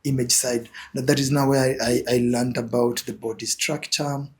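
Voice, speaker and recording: A young Kenyan-accented man who works as an image consultant answers interview questions as a guest at an ordinary middle pitch with little pitch movement. He speaks at a moderate pace but hesitates a lot, restarting phrases, repeating words and filling gaps with "uh" and "um".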